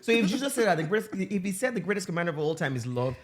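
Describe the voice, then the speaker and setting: Animated high-voiced man. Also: rapid-fire. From Nigeria. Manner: animated and emphatic, sometimes preachy. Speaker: podcast co-host. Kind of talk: casual chat.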